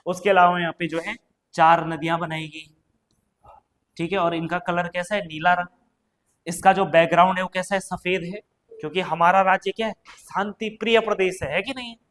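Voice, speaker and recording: ऊँची आवाज़ वाला पुरुष शिक्षक. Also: male voice, high-pitched, steady tone, normal speed, fairly bright tone. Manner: questions then answers himself, frequent "ठीक है" and "है ना". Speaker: exam coaching teacher. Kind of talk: exam-prep lesson. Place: coaching classroom or studio.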